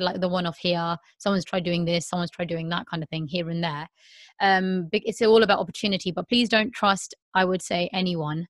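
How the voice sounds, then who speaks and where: A woman's voice: fairly low pitch, fairly bright tone, no room sound, studio quality. A woman in her thirties hosting a candid podcast, talking earnestly with many repeats and "um"s. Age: 30s. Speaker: podcast host.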